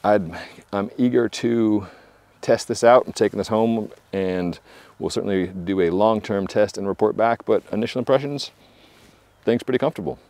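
Outdoors beside trees and trails, a bike reviewer in his forties gives a casual, conversational product review with wry asides. His lowish voice is gravelly and darkish, at a normal speed, with no echo.

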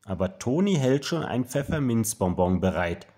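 A man reading a children's storybook aloud with slow, expressive storytelling. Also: medium pitch. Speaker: storybook reader.

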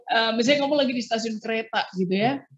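A woman trainer with a slightly high voice talks fast in a casual online training session. She is lively and acts out short example dialogues as she explains, and the recording is roomy with a dull lo-fi sound.

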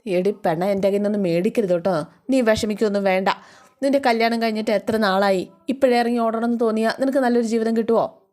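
A woman's voice: fairly high pitch, fairly even intonation, fast, a little mellow, lightly acted. A woman voicing a caring mother who anxiously questions her grown daughter. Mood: firm.

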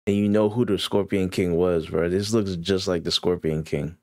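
A man casually reacting to a game trailer, excited and slangy, rambling with frequent restarts. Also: sits low, moderate pace, no echo, studio quality. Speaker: gaming YouTuber reacting to a trailer.

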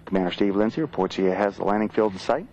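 A man's voice: on the low side, fast talker, a little mellow, muffled recording, slight background noise. A man giving factual live commentary as a mission control announcer.

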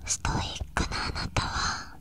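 Young woman, ASMR host. Breathy, airy whisper with crisp bright edge, unhurried and soothing, right at the ear. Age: young adult. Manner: gentle, slow, reassuring close-up murmuring. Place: small bedroom, lying on a bed. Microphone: binaural ear microphone, held right at the mouth.

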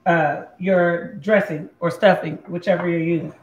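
A woman's voice: lowish voice, steady tone, moderate pace, highs cut off. A woman from Puerto Rico hosting a casual cooking demonstration at home, chatting while she cooks and chewing between sentences. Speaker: home cook host. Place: home kitchen. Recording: echoey kitchen with faint ambient noise.

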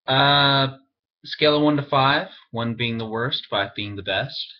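A man casually reviewing pipe tobacco, talking around a pipe in his mouth with a relaxed, conversational manner. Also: medium pitch, unhurried. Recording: dull lo-fi audio with faint music.

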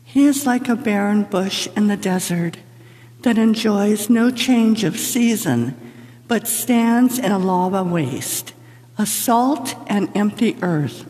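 A woman reads scripture at a lectern, slow and unhurried in a solemn, measured way. Her voice is mellow and soft-edged, and the long reverb of a big church hangs after every phrase. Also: mid-range voice, lively intonation. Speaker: lector. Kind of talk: liturgical scripture reading. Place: large church sanctuary. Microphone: lectern microphone from a far camera.

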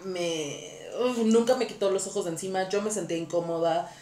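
A woman hosting a podcast, telling a story in a lively, casual way with frequent laughter. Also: medium pitch, brisk, roomy sound, slight background noise. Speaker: podcast host.

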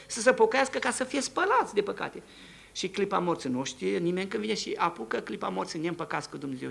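A man preaching a testimony sermon in a church, telling his story with animated swings between hushed tones and shouts. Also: sits high, vocal fry.

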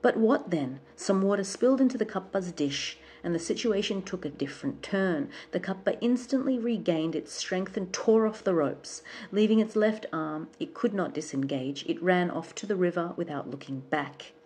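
A woman reads a folk tale aloud in a calm, measured way. Her voice is low, husky and mellow. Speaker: storyteller.

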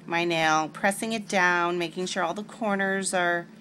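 A woman's voice: on the low side, fairly even intonation, moderate pace, pushed and bright, slight background noise. Chatty woman hosting a nail tutorial. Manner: chatty, rambling asides. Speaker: nail art tutorial host. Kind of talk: casual step-by-step tutorial.

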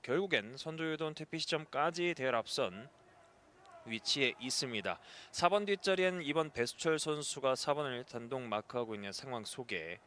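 A man's voice: medium pitch, expressive, moderate pace, pushed and bright. A man giving live race commentary with tactical analysis. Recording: clear outdoor background noise.

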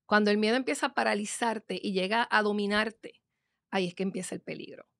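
A woman's voice: mid-range voice, a little fast, gravelly, fairly bright tone, no room sound. Earnest, encouraging woman in her fifties. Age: 50s. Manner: earnest, encouraging, often laughing. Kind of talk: reflective conversation.

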